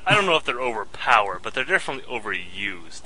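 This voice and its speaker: A man's voice: fairly low pitch, very animated, fast, a crowd in the background, rough recording. A man hosting a casual gaming podcast, talking with frequent fillers and small chuckles between points.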